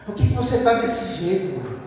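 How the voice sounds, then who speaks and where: A man voicing a calm, gentle man who rebukes softly with slow, low questions. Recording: echoey hall from far off, music behind.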